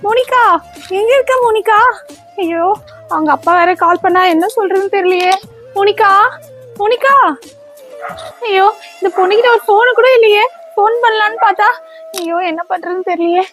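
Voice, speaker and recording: Woman acting stern stepmother, very high voice, bossy, skit with light music behind. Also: steady tone, brisk. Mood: panicked. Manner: bossy, scolding commands. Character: strict, scolding stepmother, adult woman.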